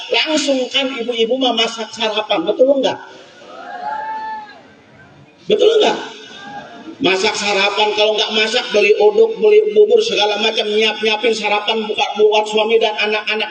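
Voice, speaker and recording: A man's voice: sits high, slight background noise. A man preaching a humorous sermon, telling stories with acted voices and asking the crowd questions. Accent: Indonesian. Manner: lively storytelling, acting out voices and asking the crowd. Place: prayer hall, loud room. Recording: echoey hall, from far off.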